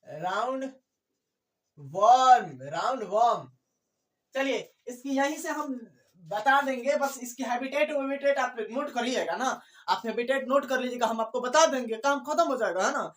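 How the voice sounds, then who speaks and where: A woman teaching a biology class, her voice a little high, repeating each point and quizzing the room with rhetorical questions. She sits some way from the microphone in an echoey room, so the sound is distant and roomy. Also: normal speed. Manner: repetitive, keeps asking rhetorical questions; mixes in English terms. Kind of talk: classroom lecture. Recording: echoey room, far from the mic.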